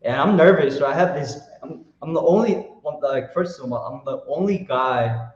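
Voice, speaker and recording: A man telling a personal story in a casual interview, animated and slangy, with lots of fillers. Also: a little high, moderate pace. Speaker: guest artist. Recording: roomy, dull lo-fi sound.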